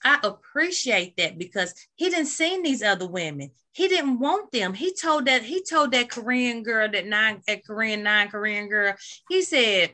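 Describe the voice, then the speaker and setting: A woman co-hosting a casual chat about a reality dating show, opinionated and animated, acting out what people said. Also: a little high, normal speed. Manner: animated, opinionated, acts out quotes.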